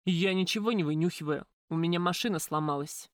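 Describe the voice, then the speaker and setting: A woman voicing a coarse male gangster thug who talks gruffly and bluntly in an audiobook. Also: lowish voice, fairly quick, no room sound, studio quality, close to an everyday voice. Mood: sullen.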